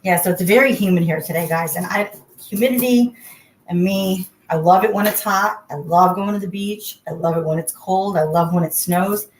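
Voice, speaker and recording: A woman with a fairly low voice hosts a casual livestream from an echoey bathroom. She talks in a chatty, informal way straight to her viewers, with noticeable noise behind her. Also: normal speed. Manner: chatty, addresses viewers by name. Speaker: livestream host. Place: indoors, in a bathroom.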